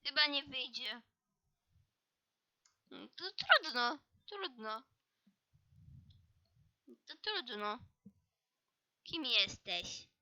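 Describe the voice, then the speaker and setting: A woman's voice: high-pitched, very animated, very slow, pauses often, sharp tone, low-quality recording. A young woman chatting casually as she plays a chatbot game, reading typed lines aloud in an exasperated, playful way, with keyboard clicks nearby. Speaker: gaming youtuber.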